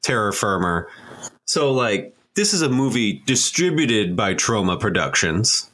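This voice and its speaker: A man's voice: lowish voice, big pitch swings, a little slow, a bit bright. A man co-hosting a podcast in casual chat, dry and laid-back, with lots of filler words. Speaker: podcast co-host.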